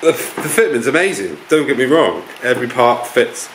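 A man's voice: mid-range voice, big pitch swings, moderate pace, a bit bright. A man in his thirties with a British accent, chatting casually and slangily as a laid-back car vlog host. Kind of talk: casual chat to camera and friend. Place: stone garage with metal roof, and inside a car. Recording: noisy camera audio with clear background noise.

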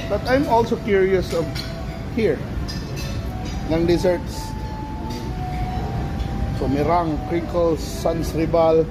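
A man from the Philippines with a Filipino accent, chatting excitedly as a food vlogger while filming on a phone in a hotel buffet. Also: on the high side, slow pace, long pauses, over music, rough recording. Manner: chatty, excited exclamations, mixes English and Filipino. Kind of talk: casual buffet walkthrough. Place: busy hotel buffet restaurant, indoors. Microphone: handheld phone camera. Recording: loud restaurant background noise.

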